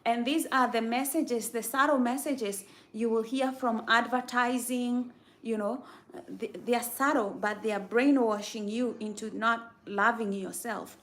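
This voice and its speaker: A woman's voice: a little high, steady tone, unhurried, fairly bright tone. A woman from Kenya hosting a livestream, giving an emphatic, faith-based motivational talk and repeating her key phrases for effect. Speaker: livestream host.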